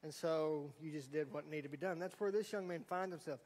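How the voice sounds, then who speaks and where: Folksy preacher, high voice, church echo. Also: male voice, a little fast, a little mellow. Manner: folksy storytelling with acted quotes. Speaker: pastor. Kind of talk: sermon. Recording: long hall reverb.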